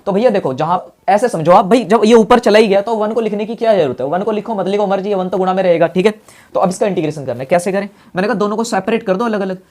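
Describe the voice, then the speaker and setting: Fast-talking male maths teacher. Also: sits high, a little mellow. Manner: asks questions aloud and answers them himself; calls students brother in a friendly way. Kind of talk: classroom maths lesson.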